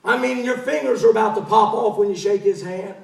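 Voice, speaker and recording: High-voiced pastor telling a sermon story. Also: male voice, fairly quick, vocal fry. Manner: animated, playful narration. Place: church sanctuary. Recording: echoey church, mic at a distance.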